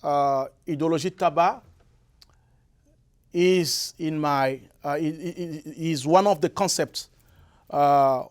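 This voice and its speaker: The guest here, a musician whose first language is Lari, comes from the Republic of the Congo and gives halting interview answers full of fillers and restarts. His voice is on the high side, recorded in a radio or TV studio.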